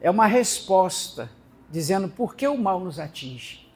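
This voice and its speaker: A woman with a Brazilian accent preaching a sermon in a church service, animated, laughing as she speaks and acting out the voices she quotes. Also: lowish voice, a little slow, slightly rough.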